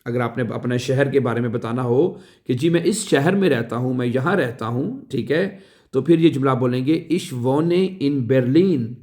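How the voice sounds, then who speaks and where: A man giving a language lesson, saying each phrase slowly and repeating it, often checking with "right?". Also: medium pitch, a little mellow. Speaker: language teacher.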